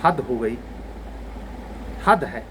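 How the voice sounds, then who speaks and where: A man's voice: medium pitch, animated, extremely slow, fairly bright tone, rough recording. Man in his 40s, coaching teacher, bluntly scolding his students, kinda fed up, faint background hum. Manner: blunt, exasperated, lecturing. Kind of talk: scolding lecture to exam aspirants.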